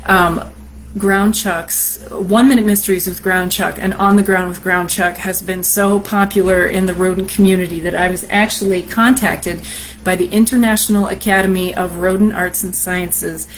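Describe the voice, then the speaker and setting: A woman host and storyteller with a deep, sultry voice, chatting casually on a live stream in a rambling way. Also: steady tone, normal speed, slight background noise, rough recording. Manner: chatty and rambling, many fillers.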